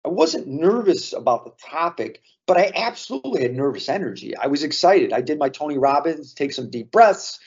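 Podcast co-host guy, raspy and a bit high, earnest, sounds muffled lo-fi. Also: big pitch swings, fairly quick, few pauses. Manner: earnest, drawing lessons from sports memories. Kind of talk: casual podcast chat.

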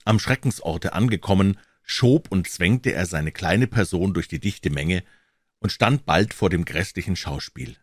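A man reading a novel aloud as an audiobook narrator, telling the story in an expressive, dramatic way. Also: low-pitched, a little slow, dry recording, clean studio sound.

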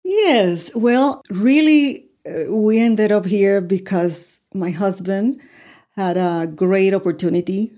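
Warm-voiced woman in her sixties. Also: mid-range voice, takes it slowly. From Puerto Rico. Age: 60s. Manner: earnest, with frequent fillers and light laughs. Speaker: guest. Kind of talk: conversational interview.

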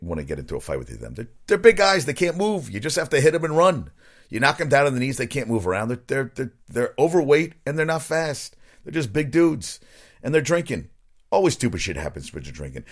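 A man hosting his own sports podcast, rambling casually from topic to topic and swearing freely. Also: on the low side. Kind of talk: casual solo sports talk.

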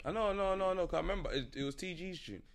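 A man's voice: sits high, racing. A man with a London roadman accent in casual podcast chat, slangy and repetitive, often checking that he is being followed. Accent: London, urban roadman slang. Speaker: podcast host.

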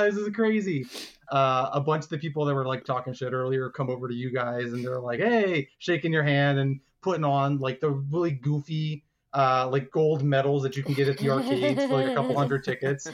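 A man narrating a tabletop game as game master, animated and laughing as he describes the scene. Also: medium pitch, lo-fi sound. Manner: animated, laughing, doing quick voices for crowd figures.

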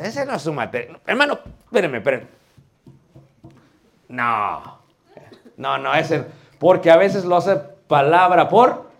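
A man with a Mexican accent teaching a class on preaching, animated and full of rhetorical questions. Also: medium pitch. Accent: Mexican Spanish. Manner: animated, asks rhetorical questions, homely cooking comparisons. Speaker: preaching instructor. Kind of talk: lively class lecture.

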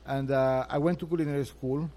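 A man's voice: mid-range voice, fairly even intonation, a little fast, dark tone. A man, a chef being interviewed in his restaurant, talking hesitantly with many fillers and restarts. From Venezuela. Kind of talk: casual interview.

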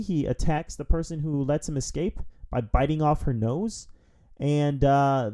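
A man's voice: fairly high pitch, warm tone. A man hosting a film review podcast, recapping a plot in a rambling, wry, casual way. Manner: rambling, wry, with frequent fillers.

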